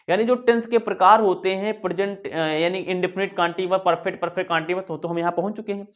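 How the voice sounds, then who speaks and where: A man's voice: high-pitched, muffled recording. A man teaching a lesson in a casual, chatty way, asking his own questions and answering them. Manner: chatty, keeps saying "yaar". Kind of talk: casual classroom explanation.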